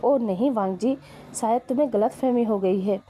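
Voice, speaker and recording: A woman's voice: fairly high pitch, moderate pace, dark tone, soft background music, natural voice. A woman voicing a theatrical young man who pleads and schemes. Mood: defiant.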